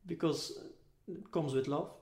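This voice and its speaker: A man with a slightly high, slightly mellow voice speaks a little slowly, thinking aloud as a podcast guest. The conversation is casual and reflective, and he comes across as tentative and philosophical, searching for words, in an echoey, roomy recording.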